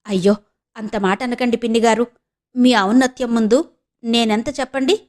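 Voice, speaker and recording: Woman reading as a sharp young wife, polite, teasing, witty, a touch high, audio novel. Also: steady tone, moderate pace, lightly acted.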